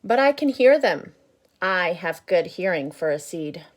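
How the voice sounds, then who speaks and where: A grumpy little male seed from a picture book, acted out by a woman, confesses his badness with some pride. The delivery is slow and emphatic, stretching out the key words. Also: lowish voice, sing-song. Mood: defiant, boastful. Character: boastful, grumpy little male sunflower seed, self-declared bad. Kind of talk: picture-book character read aloud.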